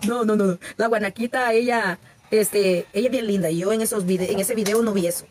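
A woman's voice: mid-range voice, fairly even intonation, a little fast, darkish tone. A woman in her forties with a Salvadoran Spanish accent, chatting candidly with viewers on a live stream and often restarting her sentences. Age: 40s. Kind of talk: casual live-stream chat.

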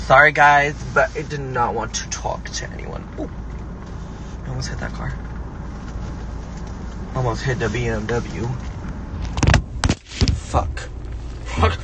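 A man's voice: mid-range voice, fairly even intonation, unhurried, pauses often. A young man chatting casually into his phone for a vlog, full of "like" fillers and swearing when annoyed. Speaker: vlogger. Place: home and in a car. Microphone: handheld phone. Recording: noisy phone recording.

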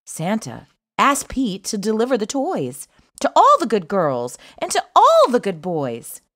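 A woman reading a children's book aloud as an expressive storyteller, with a sing-song, emphatic delivery of the rhymes. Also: medium pitch, unhurried.

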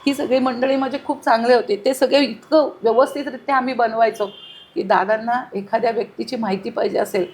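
A woman's voice: a little high, steady tone, a little fast, darkish tone. A middle-aged woman, a former mayor, giving earnest, emphatic interview answers full of long lists of detail.

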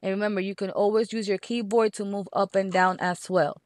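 A woman with a Spanish accent walks the listener through a screen-recorded craft tutorial, patient and methodical. She reads each measurement out slowly and plainly. The voice sits at an ordinary middle pitch and sounds dry and close to the mic. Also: fairly even intonation, no room sound. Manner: patient, repeats steps and numbers slowly. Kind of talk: step-by-step software tutorial.

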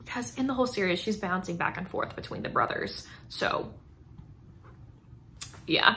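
Her voice is a little high, bright and pushed as she talks casually to camera about books. She's a woman in her twenties, gushing and emphatic, filming in a small indoor room full of bookshelves.

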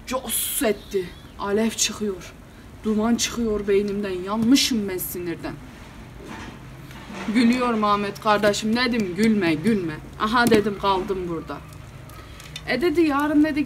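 A woman playing an exasperated, hot-tempered male village headman in a solo storytelling performance, with an animated delivery. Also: medium pitch, noisy background, lightly acted.

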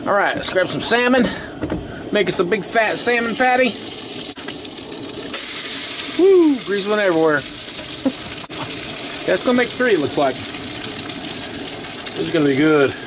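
Standing at a camp stove outside, this middle-aged man has a high, very animated voice and pauses often while talking at a normal speed. He's a camping vlogger, narrating every step of his cooking in a casual, folksy way. Outdoor camera audio picks up plenty of background noise.

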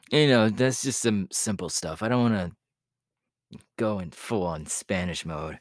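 Sero, a man playing an easygoing, slow-talking young student. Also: lowish voice, animated, dry recording, clean studio sound. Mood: bashful. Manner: hesitant, chuckling, informal, speaking straight to the listener. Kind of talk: ASMR audio roleplay, one-sided casual chat.

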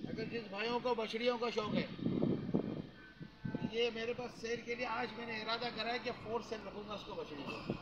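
A middle-aged Pakistani man with a high voice chats to the camera in an outdoor cattle yard, giving a casual sales pitch as a cattle farm vlogger. He is talkative and repetitive, stringing together frequent pious interjections. The dull, noisy outdoor phone recording uses a small handheld lavalier mic held near his mouth.

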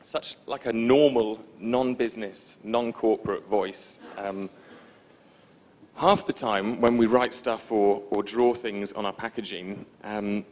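A man giving a conference presentation in a relaxed, informal, self-deprecating way, with frequent ums. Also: fairly low pitch, takes it slowly. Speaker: conference speaker. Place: conference stage before an audience.

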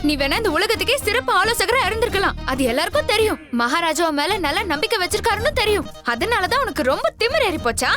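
A woman playing the hero's doting but scolding mother in a dubbed TV drama, bossy in manner, with a very high voice over background music. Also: big pitch swings, quick pace, hardly any pauses. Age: older.

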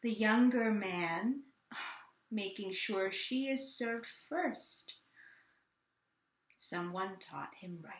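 In a staged reading, a woman actor performs a dramatic third-person monologue, read on book, as a confused, childlike mother with memory loss, sounding wondering and drifting. Her medium-pitched delivery is slow and halting with lingering pauses, and the roomy webcam sound comes from a plain indoor room at home.

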